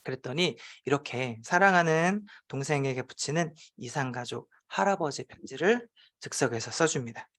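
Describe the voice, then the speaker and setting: A man's voice: mid-range voice, animated, moderate pace, few pauses, fairly bright tone. A man, a teacher presenting at a forum, telling a playful classroom story with frequent hesitation fillers.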